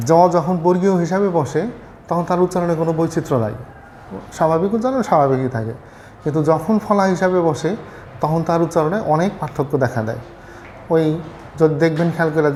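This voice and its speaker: A man's voice: on the high side, a little mellow, slight background noise. A man teaching a lesson on pronunciation, explaining step by step and often checking that listeners follow. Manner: patient, explanatory, repeats "ঠিক আছে?" to check understanding; fillers and self-corrections. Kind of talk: spoken lesson on Bangla pronunciation.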